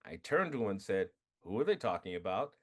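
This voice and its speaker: A man being interviewed about his film, telling animated stories, acting out quotes and laughing often. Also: fairly low pitch, brisk. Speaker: filmmaker guest. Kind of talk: casual interview storytelling.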